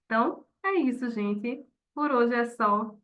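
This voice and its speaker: Soft-spoken woman teacher with a cold. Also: a little high, slow pace, low-quality recording. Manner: speaking softly, friendly. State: has a cold, hoarse. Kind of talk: online class wrap-up.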